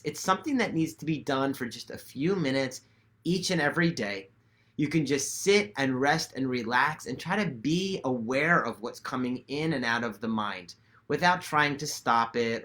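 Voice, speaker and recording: A man giving guided meditation instruction to viewers in a gentle, reassuring and measured way. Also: mid-range voice. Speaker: meditation teacher.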